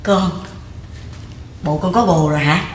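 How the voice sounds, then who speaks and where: A woman with a Southern Vietnamese accent playing a blunt, grumbling middle-aged mother in a live stage comedy sketch, coarse and scolding, with quick comebacks. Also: on the low side, close to an everyday voice. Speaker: comic stage actor. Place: large theater stage. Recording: echoey stage with audience noise. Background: audience laughter.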